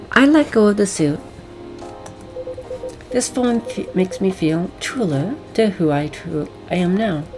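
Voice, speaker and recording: A gentle, polite alien who is slowly becoming human, read aloud by a woman streamer, earnest and a little nervous. The low voice rises and falls freely, and game music plays clearly behind. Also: poor audio. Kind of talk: reading game dialogue aloud.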